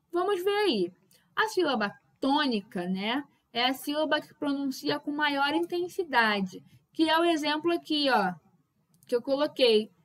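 A young adult woman teaching a Portuguese grammar lesson at a whiteboard. She explains patiently, keeps checking in with her students, and calls out example words loudly to show their stress. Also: high voice.

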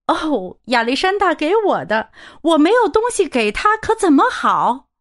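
A woman reads as a busy widow landlady in a storybook, her voice pitched up thin and eager, rising and falling quickly. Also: sing-song. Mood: flustered polite. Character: bustling widowed landlady, shrill voice.

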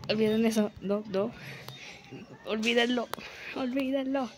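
Slow-talking playful gamer woman. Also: mid-range voice. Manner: playful boasting, frequent effort grunts and whispered asides. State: slightly sore throat. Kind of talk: casual gameplay commentary.

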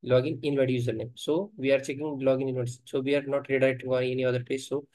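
In a screen-recorded coding tutorial on software testing, a man thinks aloud while typing, speaking haltingly with lots of fillers. His mid-range voice barely moves in pitch, there's no room sound, and the audio is poor.

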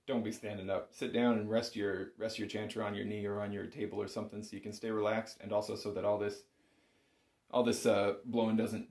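A bagpipe teacher gives a casual, informal music lesson, thinking aloud as he goes. His voice sits on the low side with a darkish tone. He's in a small room with shelves at home, and the recording is roomy and echoing.

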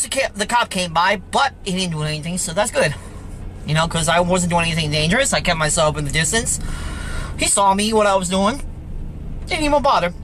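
A man vlogging trackside outdoors on a handheld phone, gushing and excitable. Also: high-pitched, slight background noise. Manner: excitable, gushing, loud whoops. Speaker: railfan vlogger. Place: outdoors by a railroad line near a store lot.

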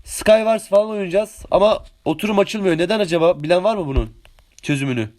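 An 18-year-old man streaming live gameplay, chatting with viewers, humming little sound effects and yelling excitedly at opponents. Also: high-pitched, fast. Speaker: game streamer.

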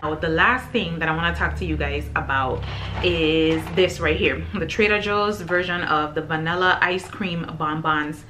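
A woman chatting casually to camera as she tastes and reviews groceries, describing each bite between pauses. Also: deep voice, fairly even intonation, noisy background. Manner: chatty, tasting and describing food between bites.

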